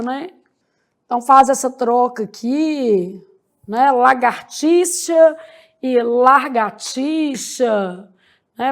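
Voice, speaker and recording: Slow high-voiced woman teaching. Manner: slow, spells out words syllable by syllable, frequent "né?" and "beleza?". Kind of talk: grammar lecture.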